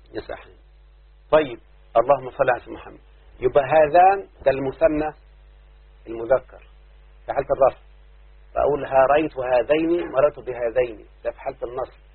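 Egyptian male grammar teacher, brisk and husky, muffled phone-like recording. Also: mid-range voice. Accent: Egyptian Arabic. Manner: keeps asking students if they understood; chants verses slowly. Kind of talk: classroom grammar lesson.

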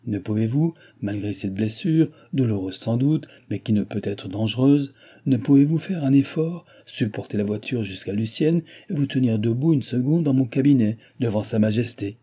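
A man reading the lines of a scheming countess, smooth and insistent in her feigned concern. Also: mid-range voice, animated, normal speed, mellow. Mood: coaxing. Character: scheming royal favorite, a countess, woman.

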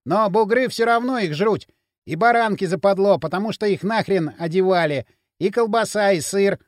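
A man's voice: high-pitched, normal speed, no room sound, clean studio sound, natural voice. A man voicing a small, hot-headed teenage boy with a brash way of talking.

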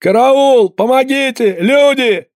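A man voicing a terrified village man who cries out hoarsely, begging for mercy. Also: very high-pitched, takes it slowly, no room sound, studio quality, pitched above the performer's own voice. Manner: hoarse, desperate pleading cries.

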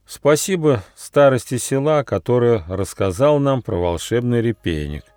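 A man voicing a kind, polite little male gnome hero in a children's storybook, calm and courteous. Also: mid-range voice, a little slow, no room sound, clean studio sound, close to an everyday voice.

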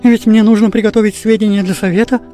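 A woman's voice: medium pitch, steady tone, fast talker, mellow, faint music behind, voice pushed up, lightly acted. A woman doing a dry, fussy class mistress.

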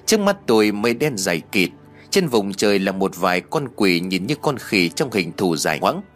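A man tells a ghost story in a dramatic, expressive way. His voice is fairly low but swings widely in pitch, and soft music plays underneath. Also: moderate pace. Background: faint music.

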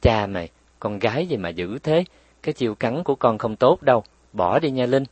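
A man voicing a tender but firm mother who explains patiently and scolds gently, in a raised voice. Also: mid-range voice, animated, moderate pace, husky, no echo.

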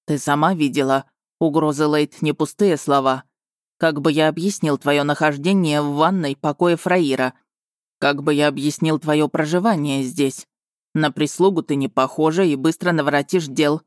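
A man voicing a commanding wolf lord who speaks steely, calm and sardonic in an audiobook. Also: on the high side, normal speed, no echo, studio quality, lightly acted. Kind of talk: audiobook dialogue reading.

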